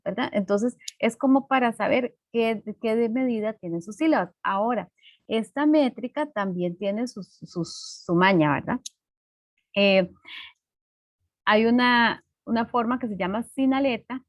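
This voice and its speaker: A woman's voice: mid-range voice, no echo. Woman teacher, online class, keeps checking understanding, fillers, dry close sound. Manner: explains slowly with many fillers and tag questions.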